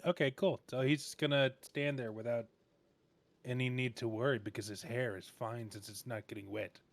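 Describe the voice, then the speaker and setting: A man's voice: mid-range voice, fairly even intonation, moderate pace, no echo. A man playing a tabletop game, chatting casually and joking as a player.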